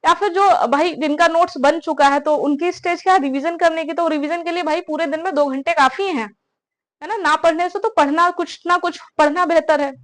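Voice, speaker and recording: Woman, young adult, high voice; casual mentor talk to students. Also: brisk. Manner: conversational, repeats tag questions, addresses listeners as brother. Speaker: exam preparation mentor.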